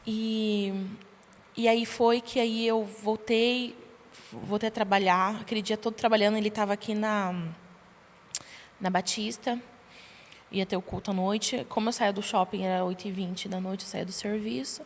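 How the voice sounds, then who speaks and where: A young adult woman, a podcast guest, tells her personal testimony in a lively way and acts out the dialogue she quotes. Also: medium pitch, moderate pace. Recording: long reverb, faint background noise.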